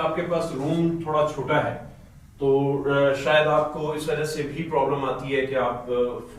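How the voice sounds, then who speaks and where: A man from Pakistan, a snooker coach with a sore throat, patiently going through a student's video and telling a helper when to play and pause it. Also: a little high, a little hiss or hum. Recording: very echoey room, mic at a distance.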